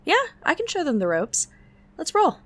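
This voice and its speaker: A woman's voice: high voice, very animated, moderate pace, noisy background. A woman in comedic dialogue, playful and breezy.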